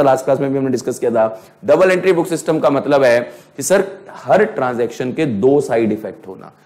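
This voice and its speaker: A man's voice: medium pitch, darkish tone. Hindi-English lecturing male teacher. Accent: Indian English. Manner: mixes Hindi and English, slows right down to dictate definitions, asks students questions. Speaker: accounting lecturer. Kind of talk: classroom lecture. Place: classroom with students.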